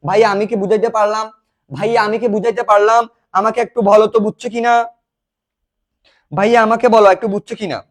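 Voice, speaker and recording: A man's voice: high-pitched, steady tone, fast, long pauses. A young man teaching an English grammar class live online. He keeps asking the students questions, answers them himself, and calls them "bhaiya".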